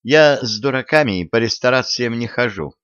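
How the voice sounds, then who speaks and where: Man doing a fiery young widow, shrill and scolding, raised pitch, dry muffled sound. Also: expressive, moderate pace, fairly bright tone, smooth, no room sound, lightly acted. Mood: dismissive.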